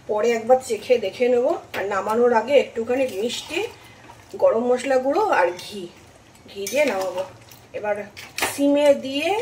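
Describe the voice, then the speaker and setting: A young woman vlogs in speech, her voice high and bright. She talks to her viewers casually and keeps asking them questions. The phone recording picks up plenty of background noise. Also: rough recording. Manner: chatty, addresses viewers directly with questions. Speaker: vlogger. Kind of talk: casual vlog narration.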